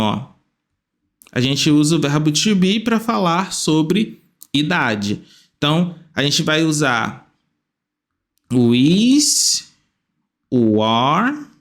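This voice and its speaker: A male English teacher with a slightly high voice leads a slow, step-by-step grammar lesson. He patiently repeats each phrase, stretching out the words and asking lively rising questions.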